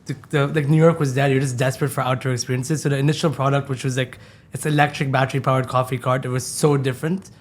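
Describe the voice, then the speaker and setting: A man from Dubai talks as a podcast guest in a candid, easygoing way, swearing casually as he goes. He speaks quickly at a mid-range pitch. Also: little pitch movement. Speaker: podcast guest, company co-founder.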